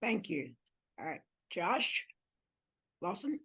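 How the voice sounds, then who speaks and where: A woman co-chairing a committee meeting over a video call, relaxed and laughing, trailing off into fillers. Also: lowish voice, slow, slightly rough. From North Carolina. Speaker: committee co-chair, elected official.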